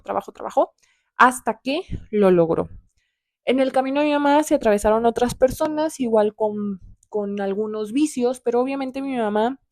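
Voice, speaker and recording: A woman's voice: medium pitch, darkish tone, no room sound, studio quality. A young woman with a Mexican accent tells a personal story to her viewers, heartfelt and calling out to them as friends. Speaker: vlogger.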